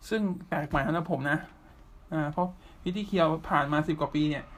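A man hosting a podcast, chatting casually through anime news and often pausing with drawn-out fillers. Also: on the high side, fairly bright tone, slight background noise. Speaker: podcast host.

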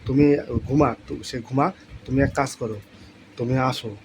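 A man with a mid-pitched voice plays a husband in a comedy sketch, coaxing and urging in low, hushed tones. Clear background noise runs under his voice. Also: fairly even intonation, moderate pace. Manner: hushed, coaxing whisper-like talk. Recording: noisy background.

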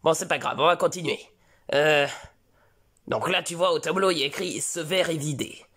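A man voicing a weary male schoolteacher with a deadpan manner in a comedic fan parody. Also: on the high side, moderate pace, slightly rough. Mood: patient.

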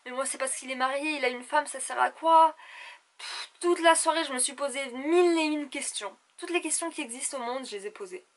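A young woman with a high voice, gossiping to the camera like she would with her girlfriends. Her delivery is animated and theatrical, in a casual vlog chat style. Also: a little fast. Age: young adult. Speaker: beauty vlogger. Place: small indoor room at home.

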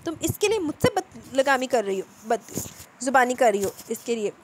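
एक औरत कहानी में एक गुस्से में चिल्लाती, दुखी अधेड़ माँ की आवाज़ निकाल रही है।. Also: female voice, fairly high pitch, big pitch swings, normal speed, slight background noise. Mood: furious. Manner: shouting, scolding. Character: furious grieving middle-aged mother, harsh.

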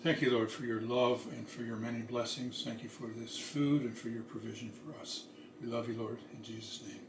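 A man's voice: medium pitch, little pitch movement, a little fast, vocal fry. A man in his sixties at a home kitchen table, saying grace and chatting plainly and earnestly. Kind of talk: casual mealtime talk and grace. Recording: roomy, distant, noisy kitchen recording.

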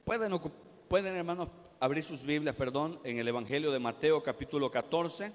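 A male pastor delivering a sermon to his congregation, reading scripture slowly and then preaching with rising force. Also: on the high side. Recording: echoey hall.

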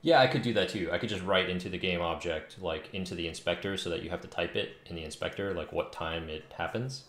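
Livestreaming game development from an indoor room at home, a man in his thirties talks casually and informally as he thinks out loud. He has a deep, fairly bright voice and talks fast with few pauses. Faint noise and keyboard typing and clicks sit in the background, and the room gives an audible echo.

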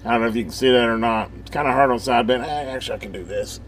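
A hobbyist presenter shows off a CB radio, his medium-pitched voice racing along very fast over a lot of noise. He rambles casually through the hands-on demo, thinking out loud in a folksy, informal style.

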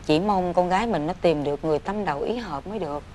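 A woman's voice: lowish voice, fast talker, darkish tone, a little hiss or hum, lightly acted. A woman voicing a fretful rich mother. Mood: coaxing. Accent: Southern Vietnamese. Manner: coaxing, then frantic wailing. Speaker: voice actor. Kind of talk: cartoon fairy-tale dubbing. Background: music.

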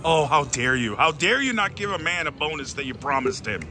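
A man giving casual, excited, theatrical commentary as he gambles, repeating phrases pleadingly and addressing his viewers. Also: a little high, a little fast, noisy background. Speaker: slot machine gambling vlogger. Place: busy casino floor at a slot machine. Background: slot machine music.

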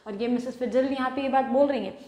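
A woman teacher with a fairly high voice retells a play scene by scene in a storytelling manner, mixing Hindi and English. She sounds as if recorded in a reverberant room, with a strong echo and a long tail. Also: racing, mellow. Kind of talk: explaining a play in a lesson.

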